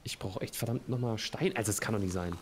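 A man's voice: fairly low pitch, quick pace, a little hiss or hum. A man playing a co-op survival game with a friend, chatting casually and grumbling and swearing when things go wrong. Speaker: co-op gaming partner. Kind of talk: casual co-op gaming chat.

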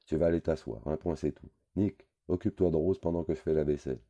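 A man's voice: rumbling low, fast, warm tone, dull audio. A man reading a novel aloud, voicing a bossy housewife who fusses and gives orders. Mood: bossy fussing. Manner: commanding, flustered.

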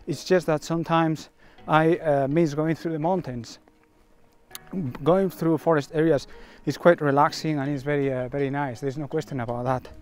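A middle-aged man with a Spanish accent, a hiking vlogger talking casually to the camera outdoors on a mountain summit, his English unhurried and a little halting. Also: a little high, fairly even intonation, a little mellow. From Spain. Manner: unhurried, slightly halting non-native English.

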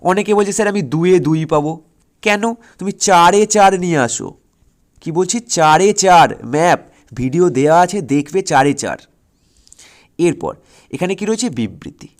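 This exam tutor from West Bengal, India has a high-sitting, expressive voice and talks a little slowly. He drills school students forcefully, restating directions and confirming they're following.

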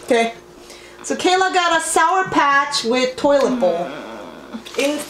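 A woman's voice: high-pitched, big pitch swings, slow, fairly bright tone. A woman from Korea with a Korean accent, playfully hosting a challenge video from off camera in a living room. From South Korea. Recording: echoey room, clearly noisy, clicks.

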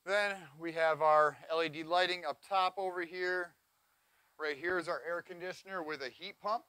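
This is a man in his forties reviewing a camping trailer, enthusiastically walking around a cargo trailer on an outdoor lot and pointing things out, recorded with a lapel mic. His high-pitched voice is bright, forceful and smooth, fairly even in intonation at a moderate pace, with no room sound.

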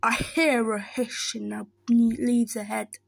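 A woman voicing a big, hungry male monster who talks slowly and heavily. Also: on the high side, flat delivery, gravelly, slightly rough, dry recording, full character voice. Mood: heavy. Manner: slow and heavy.

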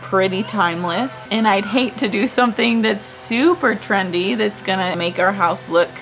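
With faint music behind her and poor audio, a young family vlogger chats casually to a close-up handheld camera on her front porch. She rambles and thinks aloud in a mid-range, fairly bright voice at a moderate pace.

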